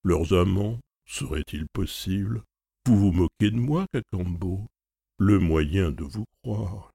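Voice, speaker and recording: A wide-eyed, credulous young man, performed by a male reader, who speaks plaintively. The voice is husky and gravelly and lifts higher in pitch than the narration. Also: lively intonation, slow, dark tone, no echo, heavily acted. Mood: incredulous. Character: naive, easily astonished young male hero.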